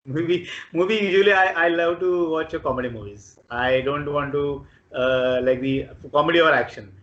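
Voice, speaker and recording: A man in his late forties from Konkan with a Marathi Indian accent, answering casual interview questions haltingly and often repeating words. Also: a little high, fairly bright tone. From Konkan, Maharashtra, India. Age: late 40s. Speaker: interviewee, IT professional. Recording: dull, echoey room recording.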